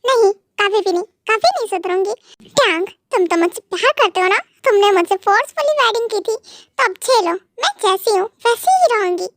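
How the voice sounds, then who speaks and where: Naughty young wife, whiny and sulky, for a fan dub, voiced by a young woman with a very high voice. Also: expressive, normal speed, fairly bright tone, no echo, clean studio sound. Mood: pouty. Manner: whiny, pouting.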